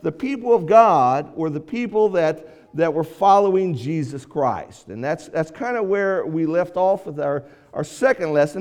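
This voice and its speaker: Male preacher, fairly high voice, easy conversational sermon delivery, church hall reverb. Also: darkish tone. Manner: conversational, repeats and restarts phrases. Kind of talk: sermon lesson to a congregation. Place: church auditorium.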